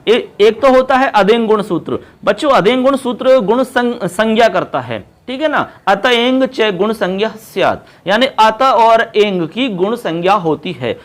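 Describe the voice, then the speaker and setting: A man's voice: high-pitched, fairly bright tone. A man teaching Sanskrit grammar for an exam, explaining step by step and repeating key terms as he addresses his students as children. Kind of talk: exam-prep lesson.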